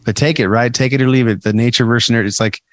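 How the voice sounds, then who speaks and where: A man's voice: medium pitch, steady tone, very fast, dry recording. Rambling male co-host, dry close sound. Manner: rambling, many restarts and fillers, teasing. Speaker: podcast co-host. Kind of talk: casual podcast chat.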